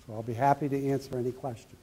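A man's voice: medium pitch, fairly even intonation, racing, warm tone, slight background noise. A middle-aged man presenting a library project at a town hall meeting, explaining plans and answering audience questions on a handheld mic in a meeting room. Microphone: handheld microphone.

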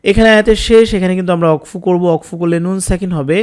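Man spelling out Quran verses slowly. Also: high-pitched, darkish tone, clear, resonant tone. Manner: slow, patient letter-by-letter spelling with drawn-out recited words. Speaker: Quran recitation teacher. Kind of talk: spelling-out recitation lesson.

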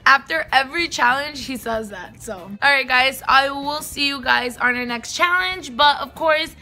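Bright, high-voiced young woman vlogging. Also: normal speed, faint music behind. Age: young adult. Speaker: vlogger, host. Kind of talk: casual vlog chat to camera.

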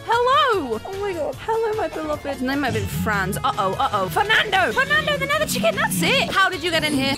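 Young woman gaming, high voice, wild swoops in pitch, giggly and squealy, game music behind. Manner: excitable, giggly, squeals at surprises. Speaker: gaming YouTuber. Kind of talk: Minecraft let's play commentary.

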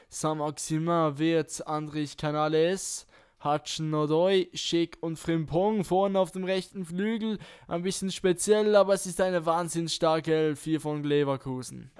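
A gaming YouTuber narrates his own football game in career mode, calling out player names as the action unfolds. His voice sits on the higher side, with a darkish yet clean tone.

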